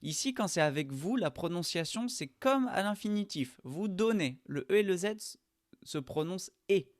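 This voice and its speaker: A man teaching French verbs, modeling each sentence slowly and with careful articulation. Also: sits high, expressive, dry recording, clean studio sound. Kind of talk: pronunciation lesson.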